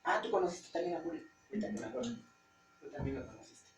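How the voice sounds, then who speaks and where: A man with a Mexican accent, a pastor preaching conversationally to his congregation, often pausing and searching for words. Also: a little high, big pitch swings, faint music behind. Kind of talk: informal Bible-study preaching. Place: church hall. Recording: roomy church hall, distant mic, faint hum.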